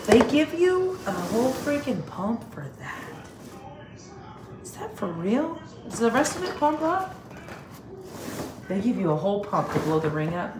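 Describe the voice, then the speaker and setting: A woman's voice: fairly high pitch, big pitch swings, a little slow, pauses often. A woman in her thirties chatting casually to camera as a vlogger, thinking aloud in colloquial, mildly sweary language. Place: indoors at home, kitchen and other household rooms. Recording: echoey rooms with clear background noise.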